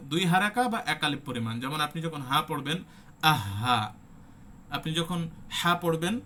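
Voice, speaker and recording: Man, teacher, bright and forceful voice, demonstrates sounds, online recitation lesson, faint background hiss. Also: a little high. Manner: explains step by step, demonstrates letter sounds aloud; asks the listeners rhetorical check questions. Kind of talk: online tajweed class.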